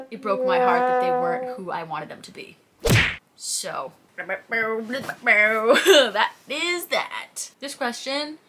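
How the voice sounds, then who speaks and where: A bright-voiced, chatty young woman in her 20s, pitched in the mid range, sits in a small plain indoor room. As a fitness content creator, she casually answers viewer questions to camera.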